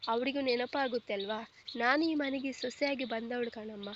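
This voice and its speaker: A woman's voice: a little high, moderate pace, highs cut off, background noise, lightly acted. Woman voicing a tender mother-in-law. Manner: tender, soothing. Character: affectionate middle-aged mother-in-law.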